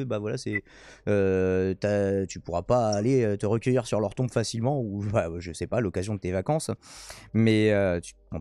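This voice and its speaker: A man's voice: medium pitch, a little mellow, dry recording. A young man hosting a live stream, reading news aloud and commenting in a hesitant way with many fillers. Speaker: streamer host.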